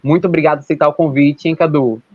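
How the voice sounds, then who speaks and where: Brief: young Rio de man hosting a podcast, rambling, a bit high, dull dry audio. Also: steady tone, quick pace, no echo. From Rio de Janeiro state, Brazil. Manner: chatty, rambling, with self-corrections and long lists. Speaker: podcast host. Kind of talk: casual podcast chat.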